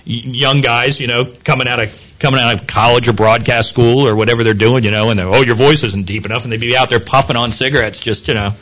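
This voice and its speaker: A man's voice: mid-range voice, fairly even intonation, fast talker, few pauses, a bit bright. A man sitting in as a local radio talk host, chatting casually and rambling with frequent restarts and self-deprecating asides.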